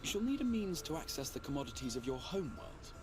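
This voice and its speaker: Courteous, animated fantasy guide. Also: male voice, a little high, over music. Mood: explanatory. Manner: formal, measured, storyteller-like. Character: courteous, learned, gentle male guide of a fantasy realm. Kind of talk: scripted fantasy video game acting.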